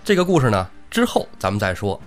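一位男性播客主持人用生动幽默的方式讲述古典小说故事。. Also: male voice, lowish voice, quick pace, faint music behind. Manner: animated, humorous retelling. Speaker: podcast co-host, storyteller. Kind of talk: lively storytelling chat.

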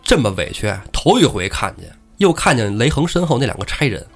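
Male podcast host retelling old tales, animated delivery, middle pitch, faint music behind. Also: brisk, slightly rough. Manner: lively, acts out characters. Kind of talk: casual storytelling.

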